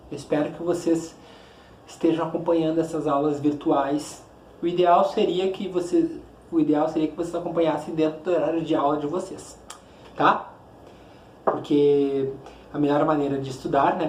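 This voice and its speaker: A man's voice: on the high side, a little mellow, roomy sound, a little hiss or hum, rough recording. A man teaching an online class, lecturing and asking then answering his own questions.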